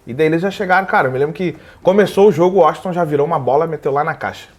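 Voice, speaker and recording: A man, chatting casually as a guest. His voice sits a little high. He tells long stories with animation and plays out other people's lines as he goes. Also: very fast. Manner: animated, acts out quoted dialogue. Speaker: guest, comedy video creator. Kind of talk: casual storytelling chat.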